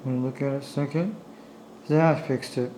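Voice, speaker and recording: Speaking in a medium pitch, a man chats casually and off the cuff at an indoor table, showing off his gear like a hobbyist. He talks himself through what he's doing in a halting, apologetic way, with fairly even intonation and a warm tone. The audio is low-quality amateur sound from the handheld camera's own mic, with faint noise.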